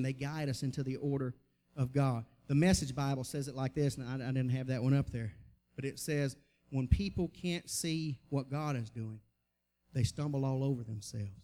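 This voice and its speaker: This Southern-accented preacher has a mellow, mid-range voice. Addressing his congregation in church, he delivers a folksy, colloquial charismatic sermon full of exhortation, rhetorical questions and calls for the crowd to answer back.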